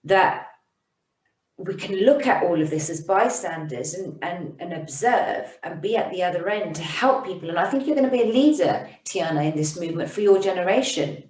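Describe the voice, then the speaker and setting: Low-voiced woman host, roomy and distant. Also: animated, a little mellow. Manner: effusive, encouraging, halting restarts. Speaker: interview host. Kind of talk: conversational interview. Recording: roomy echo, distant from the mic.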